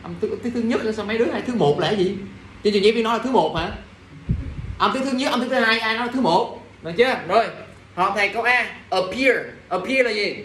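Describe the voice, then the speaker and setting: High-voiced teacher drilling English words. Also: male voice, fast, fairly bright tone, a little hiss or hum. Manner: drills pronunciation, quizzes students, exasperated asides. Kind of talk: classroom English vocabulary lesson. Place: classroom. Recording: echoey classroom from a distance.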